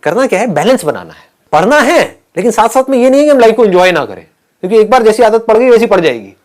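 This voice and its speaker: A man leading a live motivational session for students, animated and playful, often asking the audience questions. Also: high-pitched, quick pace. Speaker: motivational speaker.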